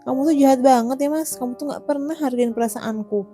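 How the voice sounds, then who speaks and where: Woman doing a jealous wife in a cartoon drama, scolding, mellow voice pushed loud. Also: high voice, fast, faint music behind, voice pushed up, lightly acted. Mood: angry. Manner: scolding, indignant. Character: jealous young wife, sharp and accusing.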